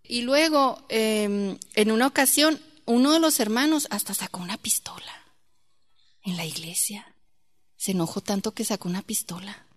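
A woman's voice: medium pitch, normal speed. Mexican woman preaching in an echoey hall. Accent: Mexican Spanish. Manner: conversational, addresses listeners as brethren with frequent questions. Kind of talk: sermon. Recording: echoey hall with long reverb.

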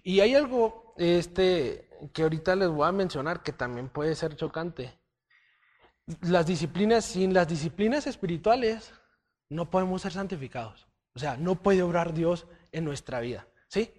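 A man's voice: on the high side, lively intonation, measured pace, darkish tone. A man giving a conversational Bible teaching, often checking in with his listeners. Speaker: church teacher.

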